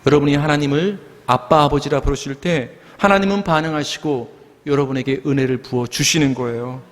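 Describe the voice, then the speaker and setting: A man's voice: fairly high pitch, fairly quick. A middle-aged man preaching a sermon as pastor of a church, leading the congregation to call out together. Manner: earnest preaching, leads the congregation in calling out together. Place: church sanctuary. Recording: long church hall reverb.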